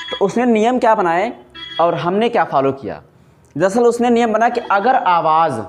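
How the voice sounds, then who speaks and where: A man teaching a grammar lesson, repeating sounds slowly to demonstrate pronunciation and asking questions he answers himself. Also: on the high side, a little mellow. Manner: asks the class questions and answers them himself.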